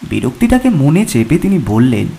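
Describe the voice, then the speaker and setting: A man narrating an audio horror story in an expressive storytelling manner. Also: on the high side, normal speed, creaky. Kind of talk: scripted audio drama narration.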